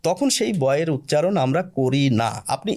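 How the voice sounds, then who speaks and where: A man talks as a guest on a podcast, and he explains patiently and step by step. His pitch rises and falls a great deal, and his voice sits a little high for a man. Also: big pitch swings, normal speed, darkish tone. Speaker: guest expert on language. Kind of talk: explanatory conversational interview.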